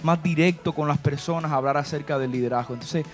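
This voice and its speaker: Chatty high-voiced man pastor hosting. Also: quick pace, faint music behind. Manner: preachy, warm and chatty, with many "¿verdad?" asides. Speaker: pastor and host. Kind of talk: church talk show.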